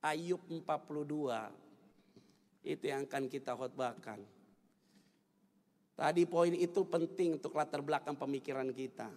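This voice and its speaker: A middle-aged man preaching a sermon, telling a personal story with animated delivery that climbs to loud emotional peaks. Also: fairly high pitch, normal speed, pauses often. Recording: long hall reverb.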